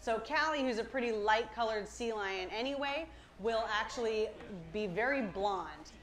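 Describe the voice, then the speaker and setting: Cheery high-voiced woman zookeeper. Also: expressive, moderate pace, a bit bright. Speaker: zoo animal keeper and presenter. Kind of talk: educational keeper talk to a live audience. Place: live talk at a zoo. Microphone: worn or held presenter microphone. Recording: clear ambient noise behind voice.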